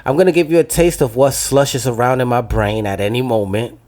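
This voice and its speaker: Speaking fairly fast in a mid-range, somewhat mellow voice, a young podcast host with a Dominican American accent from New Jersey keeps the banter casual and profane, dropping into Spanish along the way.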